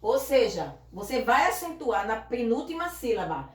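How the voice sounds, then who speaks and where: A woman teaching a grammar lesson to a class. She explains slowly and patiently and often checks that the students are following. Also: fairly high pitch, big pitch swings, echoey room.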